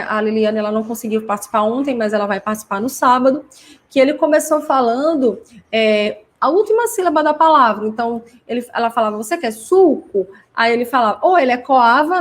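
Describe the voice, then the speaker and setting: A woman's voice: fairly high pitch, animated, a little fast. Chatty Brazilian woman teaching parents. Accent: Brazilian Portuguese. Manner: conversational, explains with many examples, frequent tag questions. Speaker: host and parent educator. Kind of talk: live online class for parents.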